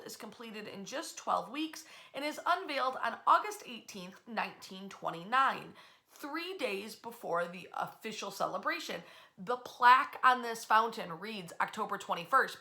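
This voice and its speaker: Her voice sits a little high as she hosts a relaxed talk built around history stories. She keeps it conversational, with animated side remarks and pauses that land for emphasis.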